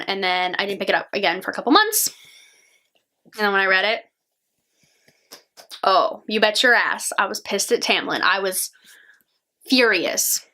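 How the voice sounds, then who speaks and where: Gushing, bright-voiced young woman vlogger. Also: medium pitch. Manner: gushing and chatty, heavy use of "like". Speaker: book vlogger. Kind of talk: casual book review vlog.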